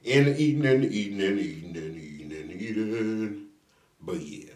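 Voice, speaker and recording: A man's voice: lowish voice, lively intonation, normal speed, darkish tone. Echoey, distant man chatting while eating chicken. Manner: colloquial, slangy, addresses viewers as y'all. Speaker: mukbang vlogger. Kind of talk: casual chat to viewers while eating. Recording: roomy echo, distant from the mic.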